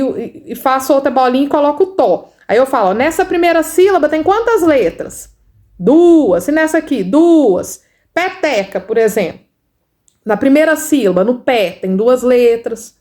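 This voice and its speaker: A woman teacher with a Brazilian Portuguese accent explaining children's literacy work in a casual lesson, chatty, full of tag questions, sounding out syllables slowly. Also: sits high. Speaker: first-grade literacy teacher.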